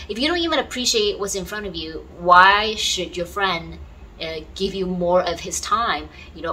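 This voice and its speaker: A woman's voice: lowish voice, sharp tone, a little hiss or hum, rough recording. A woman channeling spiritual advice, talking in a coaxing way and often checking in with the listener. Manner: coaxing, checks in with "right?" and "okay?".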